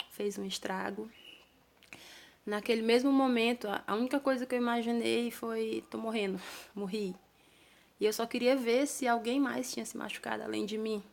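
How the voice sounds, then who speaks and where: A woman's voice: fairly high pitch, fairly even intonation, fairly quick, creaky. A young woman with a Brazilian Portuguese accent, telling her own story to camera in an earnest, plain-spoken way, with small restarts.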